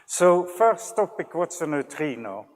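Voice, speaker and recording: Older man, from Belgium, physics lecturer, relaxed and wry, echoing hall. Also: a little high, measured pace. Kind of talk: public science lecture. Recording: lecture hall with long reverb.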